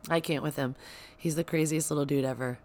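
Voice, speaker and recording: A young woman hosting her own podcast at home, chatting in an excitable, rambling way with lots of asides. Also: sits low, a little fast. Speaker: podcast host. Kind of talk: casual solo podcast chat. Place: home, child playing upstairs. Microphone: sensitive podcast microphone.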